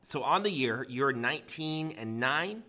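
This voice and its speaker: Bright-voiced man who says w for r. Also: mid-range voice, lively intonation, a little slow. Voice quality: can't say his R's, pronounces r like w. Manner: amped up, teasing. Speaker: sports podcast host. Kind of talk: casual sports banter.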